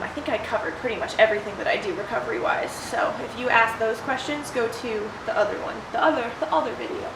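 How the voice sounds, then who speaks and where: Young woman, athlete vlogger type, highish voice, blunt off-the-cuff Q&A delivery, roomy echo and noticeable background noise. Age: young adult. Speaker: athlete answering viewer questions. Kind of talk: casual solo Q&A vlog. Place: ice bath, sheltered outdoors or open to rain.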